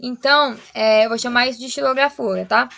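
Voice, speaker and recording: Gravelly-voiced woman teaching. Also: on the high side, fairly even intonation, a little fast, bright, forceful tone. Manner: explanatory, checks in often with rhetorical questions. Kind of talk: online class lesson.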